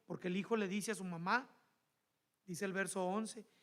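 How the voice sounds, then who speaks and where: A man with a Mexican accent preaching a sermon in church, animated and calling the congregation brothers. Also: high-pitched, normal speed. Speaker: pastor.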